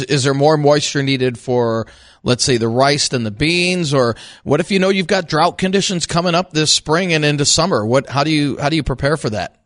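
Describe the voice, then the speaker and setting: An older man co-hosting a radio interview, conversational and somewhat halting, rephrasing as he goes. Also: a little high, a bit bright, dry recording, clean studio sound. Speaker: radio co-host.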